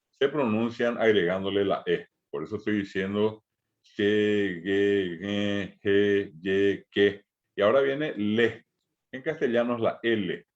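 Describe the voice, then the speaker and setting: Paraguayan guy teaching a language class, lowish voice, drills each sound over and over. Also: highs cut off. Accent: Paraguayan Spanish. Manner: slow, repeats sounds for learners to copy. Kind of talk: online language lesson.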